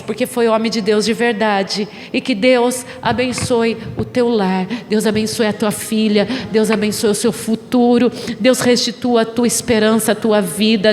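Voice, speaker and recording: Female pastor, sermon, animated storyteller, questions the congregation, long reverb in a church hall. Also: fairly high pitch, slight background noise. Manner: emphatic, with rhetorical questions to the congregation.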